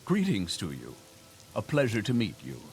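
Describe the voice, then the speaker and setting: A courteous townsperson from a video game, low-pitched and formal. His pitch swings widely through each greeting, over a faint hiss in the game audio. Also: wildly swooping pitch, normal speed, darkish tone.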